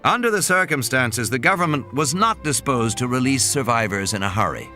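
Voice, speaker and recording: A man narrates a dramatic scripted story as an audiobook reader, with music and sound effects playing behind him. His medium-pitched voice is pushed and bright, with lively intonation and a slightly fast pace.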